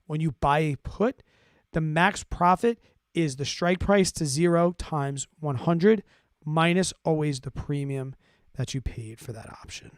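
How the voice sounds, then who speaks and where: In a casual finance stream, a higher-voiced man answers listener questions, speaking at a measured pace and peppering his explanations with "right?" and "okay?". The recording is dry and studio quality.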